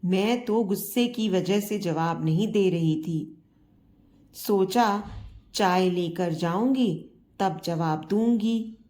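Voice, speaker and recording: A woman voicing a sharp-tongued but caring older wife who scolds her husband. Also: medium pitch, takes it slowly, close to an everyday voice. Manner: scolding, bossy but loving.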